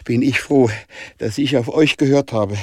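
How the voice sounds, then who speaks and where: A man voicing an impulsive young male adventurer, talking fast and defensively. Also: medium pitch, no echo, pitched above the performer's own voice, natural voice. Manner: defensive, excitable.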